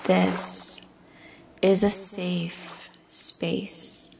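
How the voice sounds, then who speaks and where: Leading a guided meditation with affirmations, a woman speaks in a fairly low, flat voice against background noise. Her pace is slow and soothing, and at times she becomes breathy, almost whispering.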